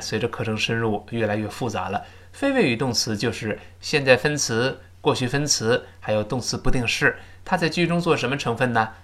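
Middle-aged male teacher, animated delivery, slows down to model English words, patient repeat-after-me drills. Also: mid-range voice. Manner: models English words slowly and loudly, then explains in Mandarin; patient, repeats drills with "let's read it again". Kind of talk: spoken English lesson, explaining pronunciation and grammar.

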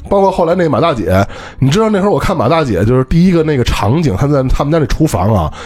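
A man's voice: on the high side, sing-song, fast, a little mellow, husky, faint music behind. A man from Beijing with a Beijing accent, chatting casually as a podcast co-host and telling stories while checking that listeners follow. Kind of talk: casual chat.

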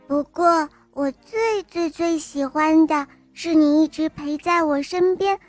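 A woman's voice: high voice, slow pace, faint music behind, pitched above the performer's own voice. Woman doing a sweet little bunny. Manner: sweet, cooing, childlike.

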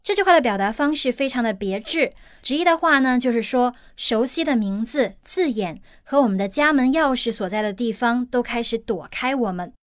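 A woman's voice: on the high side, animated, normal speed, hardly any pauses, no room sound, studio quality. A woman teacher explaining an English news article in steps, with everyday examples.

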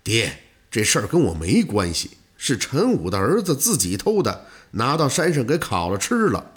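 A man doing a calm, hushed mystic farm boy. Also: mid-range voice, moderate pace, husky. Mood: calm, low. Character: strange calm teenage farm boy with secret powers.

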